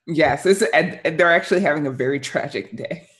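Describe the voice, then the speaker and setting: A young woman narrating an improvised tabletop game as dungeon master, conversational and halting, on a headset call. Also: sits low, a bit bright. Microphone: headset on a video call.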